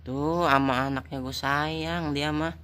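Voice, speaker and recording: Slow, bright-voiced man teasing cats. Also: on the high side, steady tone, slight background noise. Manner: teasing, scolding chatter to animals. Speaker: pet channel host. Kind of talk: casual running commentary to his cats.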